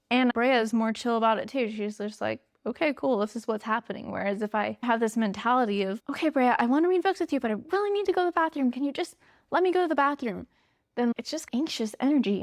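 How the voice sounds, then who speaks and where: A woman's voice: a little high, no room sound, studio quality. A young woman talking casually on her own show, chatty, laughing now and then and acting out short quoted lines. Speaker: podcast host. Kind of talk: casual solo talk.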